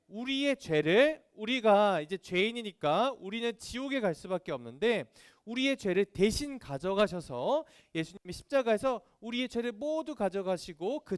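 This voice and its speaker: Lively high-voiced man preaching to children. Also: clean tone, no room sound, studio quality. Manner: animated, asks children questions; acts out quoted voices. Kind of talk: children's sermon.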